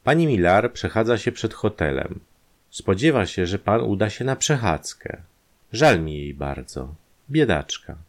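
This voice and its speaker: A man voicing a smooth-talking male private detective, a conman who speaks in an ingratiating, persuasive way. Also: on the low side, very animated, unhurried, pitched above the performer's own voice. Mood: wheedling.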